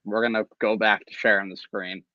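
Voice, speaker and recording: A man's voice: fairly low pitch, flat delivery, dry recording, highs cut off. A man hosting a casual racing podcast chat, teasing his co-hosts and joking around. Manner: joking, quick to tease. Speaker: podcast host.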